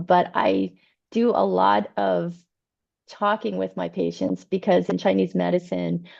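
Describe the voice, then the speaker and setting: A woman herbalist answering questions after her conference talk, earnest and full of ums, her voice going hoarse. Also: on the low side, no room sound, dull audio. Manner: warm, earnest, hesitant with many ums. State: losing her voice. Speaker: TCM herbalist presenter.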